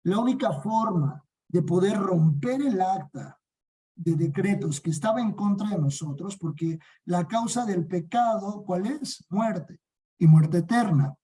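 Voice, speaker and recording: Dark-voiced Mexican Bible teacher. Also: male voice, high-pitched, animated, unhurried, slightly rough, rough recording. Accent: Mexican Spanish. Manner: asks and answers his own questions. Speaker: discipleship teacher.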